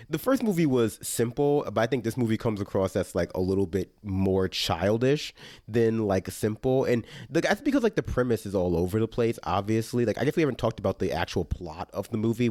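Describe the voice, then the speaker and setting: A young man hosting a casual podcast chat, talking loosely with lots of fillers and bursting into animated, laughing asides. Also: lowish voice, no echo. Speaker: podcast host.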